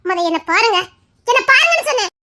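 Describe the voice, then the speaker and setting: High-pitched woman whining and giggling, begging her husband to just say it, casual couple vlog. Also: very animated, fast talker, pushed and bright. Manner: pleading, laughs and whines while coaxing. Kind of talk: casual couple prank chat.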